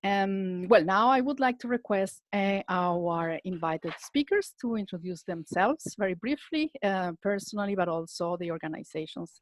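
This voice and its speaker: A woman's voice: mid-range voice, lively intonation, moderate pace, hardly any pauses, no room sound. A woman moderating an online panel over a video call, speaking hesitantly with many fillers. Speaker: webinar moderator.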